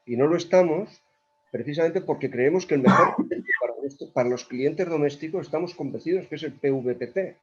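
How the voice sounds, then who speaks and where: A man's voice: fairly high pitch, a little fast, husky. A man with an accent from Spain, an energy company executive speaking in a panel debate over a video call, hesitant and often repeating his words. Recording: dull lo-fi call audio.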